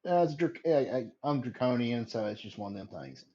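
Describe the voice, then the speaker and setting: A man's voice: mid-range voice, lively intonation, brisk, dark tone, highs cut off. Stammering man playing a dragonborn. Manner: hesitant, stammering and chatty. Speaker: player. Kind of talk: tabletop role-play chat.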